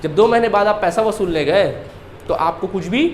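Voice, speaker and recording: A man's voice: high-pitched, normal speed, reverberant, slight background noise. A male accountancy teacher giving a classroom lecture, firing questions at students and answering them himself, repeating key terms.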